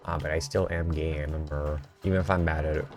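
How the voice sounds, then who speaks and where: Deep-voiced self-mocking male streamer. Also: fairly even intonation, brisk, over music. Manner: self-mocking, rambling, jokey. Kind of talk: casual gameplay chat.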